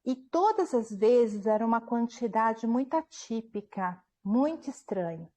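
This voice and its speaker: A woman's voice: fairly high pitch, unhurried. A woman, a book author, telling a personal story in an interview at home, animatedly acting out what people said and often checking in with her listener. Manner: animated retelling, acting out quoted dialogue, frequent tag questions.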